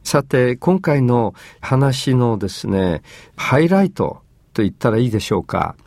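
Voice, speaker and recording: A man's voice: mid-range voice, sing-song, creaky, a little mellow, dry recording. Japanese man explaining English phrases. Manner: measured, explanatory, frequent fillers. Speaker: English teacher and host.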